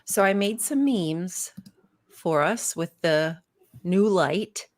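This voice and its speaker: A woman's voice: fairly low pitch, slow. A female podcast co-host in casual chat, chatty and encouraging.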